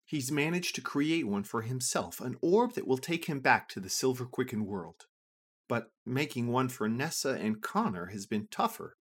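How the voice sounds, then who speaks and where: A storyteller reading a scripted adventure story for children, with an expressive, lively delivery. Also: moderate pace, husky. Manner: lively, expressive reading with a wide pitch range.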